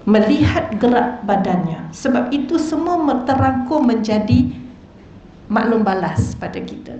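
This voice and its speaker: A woman's voice: on the high side, dark tone, a little hiss or hum. A woman religious teacher with a Malaysian Malay accent, giving a lecture in a mosque hall and asking the audience rhetorical questions. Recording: echoey hall, dull lo-fi sound.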